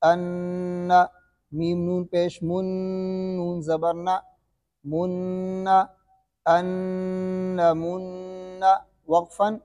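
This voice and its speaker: A man teaching Quran recitation rules in a lesson, who keeps asking his students questions, answers them himself, and slowly draws out example recitations. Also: high voice, darkish tone, long reverb tail. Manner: slow, drawn-out demonstration recitations. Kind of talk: classroom-style recitation lesson.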